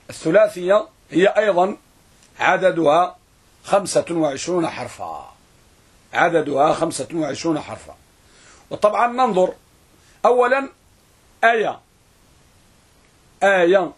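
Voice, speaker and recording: A man teaching a grammar lesson, who repeats words and draws them out slowly for students to write down. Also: on the high side, breathy edge. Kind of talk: classroom lesson.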